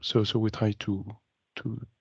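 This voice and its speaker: A man on a video call explaining a planned demonstration to a meeting, halting often with ums and uhs. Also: lowish voice, little pitch movement, a little mellow, breathy edge, dry recording. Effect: heard over a video call. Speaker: meeting participant presenting a demo. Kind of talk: business meeting update. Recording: dry, slightly muffled video call audio.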